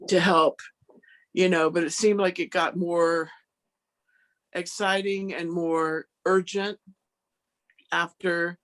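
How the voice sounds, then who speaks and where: A woman hosting a casual conversation on a video call, chatty and full of fillers. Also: lowish voice. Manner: chatty, lots of "like" and "you know". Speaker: host. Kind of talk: conversational interview.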